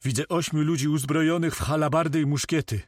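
A man's voice: fairly high pitch, steady tone, fast talker, no room sound, studio quality, voice pushed up, lightly acted. Man doing an eager, loyal pirate crewman.

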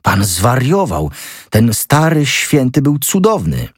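A man's voice: wildly swooping pitch, slow pace, breathy edge, dry recording, clean studio sound, heavily acted. A man voicing a flustered older male magistrate who cries out in outrage in a storybook reading. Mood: outraged. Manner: shrill, outraged.

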